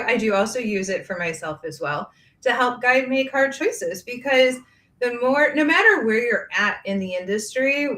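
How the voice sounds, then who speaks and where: A woman's voice: on the high side, bright, forceful tone. Upbeat rambling woman in echoey room. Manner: upbeat, rambling, laughs easily. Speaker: podcast host, grooming business owner. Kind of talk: casual podcast conversation.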